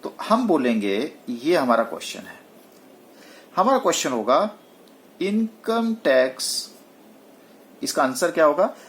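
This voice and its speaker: A man's voice: medium pitch, very animated, moderate pace, a bit bright. Guy teaching a tax class, voice goes up and down a lot, keeps asking "what will it be?" and answering himself, drops english terms in. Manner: asks students rhetorical questions and answers them himself; mixes English technical terms into his speech. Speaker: tax law lecturer. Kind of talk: recorded classroom lecture.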